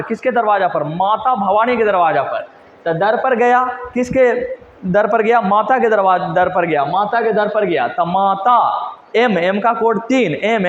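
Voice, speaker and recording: A male teacher, teaching geography by mnemonics, asking questions and answering them himself in repetitive call-and-response. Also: high voice. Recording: echoey hall, dull lo-fi sound.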